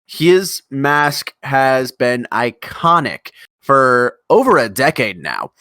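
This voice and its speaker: A man's voice: medium pitch, sing-song, slow, pushed and bright, dry recording, clean studio sound. A man co-hosting a casual music chat show, talking with rambling enthusiasm and casual swearing. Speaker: podcast co-host.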